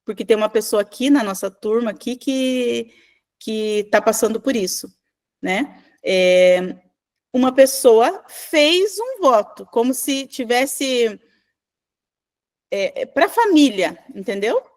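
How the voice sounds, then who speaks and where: A middle-aged woman, teaching an informal online class in a chatty, animated way, with asides to the class. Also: a little high, slow. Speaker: spiritual teacher.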